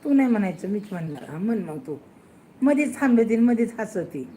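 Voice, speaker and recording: In a home video shot on a phone indoors, a family member teaches children, alternately coaxing them and teasingly telling them off. Her medium-pitched voice is dark-toned, brisk, and lively, with slight hiss or hum.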